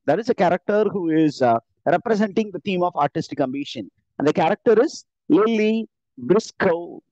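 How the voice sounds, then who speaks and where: A middle-aged man, working through exam questions as a teacher, asking each question and then answering it with many "uh" pauses. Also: high voice, a little mellow, dry recording, dull audio. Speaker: English teacher. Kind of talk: exam-prep lecture.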